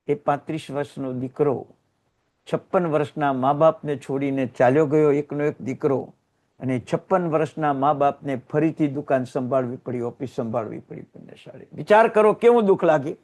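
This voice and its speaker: A man preaching to a congregation in a fairly high voice. He tells heartfelt stories, swelling loud and then sinking to near whispers. He is a Jain teacher from Gujarat. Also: normal speed. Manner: emotional storytelling with sudden rises and hushed drops. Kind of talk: sermon.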